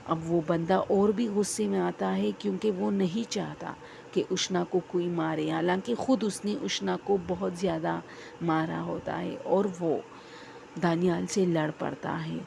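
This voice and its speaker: Gravelly low-voiced woman telling a horror story. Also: fairly even intonation, a little mellow, a little hiss or hum.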